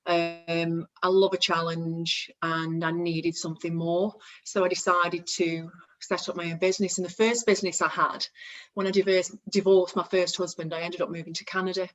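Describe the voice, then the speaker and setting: A woman's voice: lowish voice, flat delivery, moderate pace, fairly bright tone, low-quality recording. A woman with an English Stoke-on-Trent accent, chatting casually as a guest being interviewed. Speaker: podcast guest, construction business owner.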